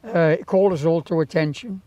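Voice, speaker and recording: An elderly man in his eighties telling anecdotes from memory in an interview, in an unhurried, rambling way with hesitations. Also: fairly high pitch, darkish tone, no echo. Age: 80s. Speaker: town crier and former Tower of London yeoman warder. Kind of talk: reminiscing in interview, anecdotal storytelling.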